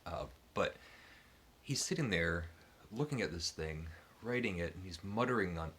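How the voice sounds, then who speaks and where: A man's voice: deep voice, expressive, moderate pace, fairly bright tone, a little hiss or hum. A man hosting his book channel, casually telling a personal story to the camera with many ums and restarts. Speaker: booktube channel host.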